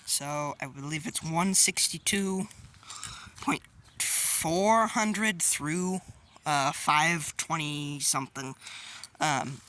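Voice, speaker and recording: This DIY host's low-pitched voice is bright and forceful as she casually demonstrates a hands-on project. She keeps things informal, offhand and colloquial. Background noise with clicks is audible in a clear recording.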